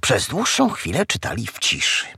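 A man reading a children's story aloud, slow and gravelly. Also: mid-range voice, huge pitch swings, sharp tone, no room sound, studio quality.

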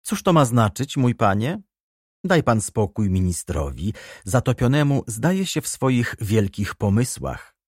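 A man reading the part of an ironic, haughty baroness in an audiobook, raised in pitch and teasing. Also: very animated, a little slow, breathy edge, no room sound, clean studio sound. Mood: mocking. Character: ironic aristocratic baroness, adult woman, haughty.

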